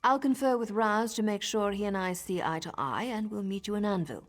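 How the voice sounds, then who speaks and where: An actress voices a cool, sardonic female elf assassin in a video game, using a husky, mid-range voice close to her everyday one. She speaks fairly quickly with dry confidence, often in a hushed way.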